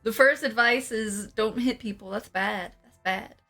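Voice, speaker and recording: A woman's voice: on the high side, measured pace, pushed and bright, faint music behind. A woman hosting a casual livestream in a jokey, giggly, mock-professional way. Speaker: livestream host. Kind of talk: casual comedic livestream chat.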